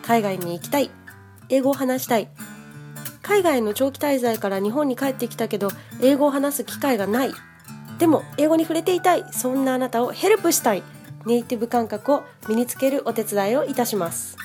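A woman's voice: sits high, lively intonation, fairly quick, darkish tone, soft background music. A woman hosting a casual language-learning podcast, talking in a chatty, upbeat way and laughing easily. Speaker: podcast host and English teacher.

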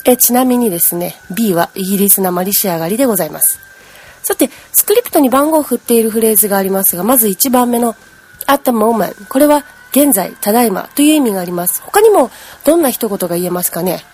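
A woman's voice: medium pitch, lively intonation, quick pace, mellow, slightly rough. A woman teaching English pronunciation in a chatty, explanatory way, humming out speech rhythms. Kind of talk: language lesson.

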